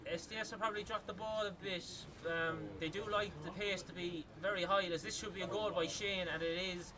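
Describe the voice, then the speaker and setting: A man with an Irish accent doing live esports commentary, talking fast with lots of "like" fillers and rising to shouts on big plays. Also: high voice. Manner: excitable, rises to yelling on big plays, many "like" fillers. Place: gaming arena venue. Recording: loud crowd behind at a live event.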